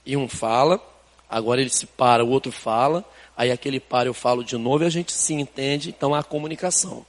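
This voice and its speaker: A man's voice: mid-range voice, fairly quick, in a large hall. An older man with a Brazilian accent, preaching a sermon in a conversational style, with rhetorical questions and casual asides. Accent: Brazilian Portuguese. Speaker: pastor. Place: church sanctuary.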